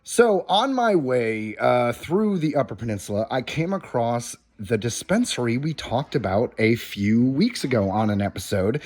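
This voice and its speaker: In a hotel room on vacation, a podcast host talks informally to his audience, calling them "guys" and casually going over news updates on his own. His mid-range voice has lively intonation and a darkish tone, moving at normal speed with few pauses.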